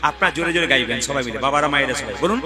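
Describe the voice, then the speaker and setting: A man with a Bengali accent leading a village kirtan, chatting and teasing the crowd between loud chanted calls. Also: medium pitch, rapid-fire. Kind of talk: live devotional kirtan with call-and-response chanting. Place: outdoor village gathering with an audience. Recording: live music over a PA.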